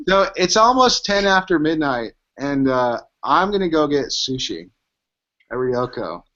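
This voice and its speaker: A man in a casual tech panel chat, talking quickly and loosely with lots of "like" and "right", on a dull lo-fi recording. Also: fairly high pitch, sing-song, a bit bright. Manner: quick, conversational, fond of "like" and "right". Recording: dull lo-fi stream audio.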